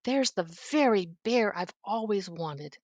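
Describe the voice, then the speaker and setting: A woman's voice: medium pitch, expressive, unhurried, a little mellow, no echo, lightly acted. An older woman voicing a kind, eager little girl with sweet earnestness in a grandmotherly storybook reading.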